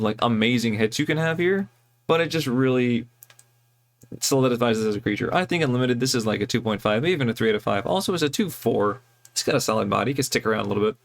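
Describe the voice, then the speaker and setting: A man's voice: mid-range voice, creaky. A man casually reviewing trading cards, chatty and joking, often correcting himself mid-sentence. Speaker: card game reviewer. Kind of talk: casual card review commentary.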